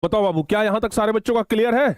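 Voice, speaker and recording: High-voiced man dictating a children's lesson. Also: no echo, clean studio sound. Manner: slow, repetitive dictation, drawing out words; addresses students affectionately, checks understanding often. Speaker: teacher. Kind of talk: Hindi grammar lesson for children.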